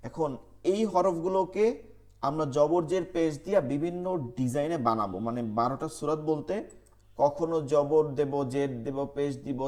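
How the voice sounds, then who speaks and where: A man teaching an online Quran class, patiently repeating letter sounds slowly for students to copy. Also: medium pitch, a little mellow.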